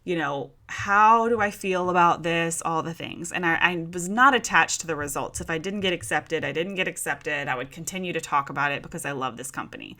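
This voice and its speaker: A woman hosts her own podcast, talking to her listeners like friends on a couch, calling them "you guys" and "y'all." Her voice is bright and forceful, and it sits a little low for a woman. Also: a little fast, few pauses. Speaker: podcast host. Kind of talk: casual solo podcast talk.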